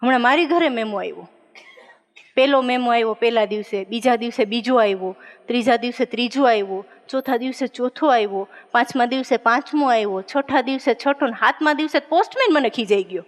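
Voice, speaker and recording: A woman's voice: fairly high pitch, fairly quick. A woman comedian, telling chatty stand-up jokes and acting out the dialogue of the people in them. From Gujarat, India. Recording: long hall reverb.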